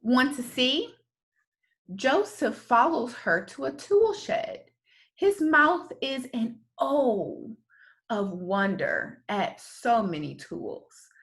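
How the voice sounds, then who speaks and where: A woman reads a children's story aloud in a somewhat high voice with some vocal fry. She tells it like a storyteller, with deliberate, expressive phrasing and dramatic emphasis.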